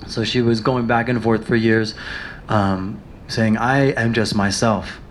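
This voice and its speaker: Guy reading a book aloud and chatting about it in between, bit of a dry throat, faint rumble behind him. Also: fairly even intonation. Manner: reads quoted passages, then paraphrases with pauses and fillers. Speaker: reader of a biography.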